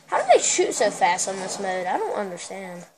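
A woman with a girlish voice giving excitable, trash-talking commentary while playing a shooter game. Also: medium pitch, normal speed. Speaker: gameplay commentator. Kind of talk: casual gameplay commentary. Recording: noisy recording with steady hiss.

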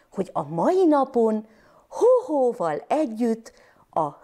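Woman teacher sounding out letters slowly. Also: on the high side, darkish tone. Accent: Transylvanian Hungarian. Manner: sounds out syllables and letters one by one. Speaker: primary school teacher. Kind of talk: slow, clearly sounded reading lesson for first graders.

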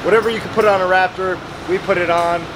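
Man in his thirties, fairly high voice, casual shop tour, workshop noise behind. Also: fairly even intonation, quick pace. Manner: upbeat, plain-spoken, walking and gesturing. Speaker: shop manager giving a tour. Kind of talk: casual walkthrough vlog. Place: large indoor vehicle workshop.

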